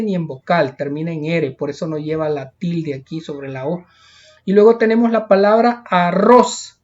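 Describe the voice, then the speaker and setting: A man's voice: high-pitched, darkish tone. A male teacher, patiently explaining a lesson step by step and repeating key points. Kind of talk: recorded classroom lesson. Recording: dull lo-fi recording.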